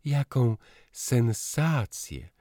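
A man voicing a cheerful, playful young wife who chatters brightly. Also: extremely low pitch, extremely slow, dry recording, clean studio sound, voice pushed up, full character voice. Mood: chattering. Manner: chirpy, lively storytelling.

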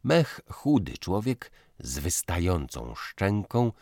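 Deep-voiced male audiobook narrator. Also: very animated, slow, a little mellow, no room sound, studio quality.

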